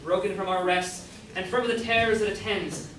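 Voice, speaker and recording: A young adult student actor plays an ardent, brooding lover in verse at an amateur staged reading in a college room. His voice sits high and a bit bright, with fairly even intonation at a moderate pace. The recording is very echoey and far off, with faint noise.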